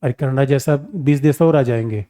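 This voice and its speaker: A male teacher gives a lively exam-prep lecture with a warm, mellow voice. He talks to the class like a familiar elder, calling them his children and throwing rhetorical questions at them. His tone is conversational rather than formal. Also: medium pitch, moderate pace. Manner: animated, addresses students as "my children", rhetorical questions.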